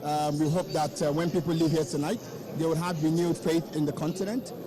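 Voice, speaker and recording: A man's voice: fairly high pitch, steady tone, brisk, poor audio. A man with a Nigerian accent explaining things in a live interview, with hesitant, filler-peppered phrasing. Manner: hesitant, peppered with "you know". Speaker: event co-founder, interviewee. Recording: crowd noise at live event.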